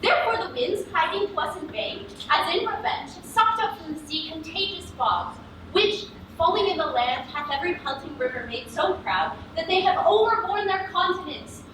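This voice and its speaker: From far off in an echoey space comes an actress as a proud, angry fairy queen. She declaims in hammy Shakespearean stage style, her voice high and bright. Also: animated, normal speed. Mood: indignant. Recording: distant echoey stage capture with faint noise.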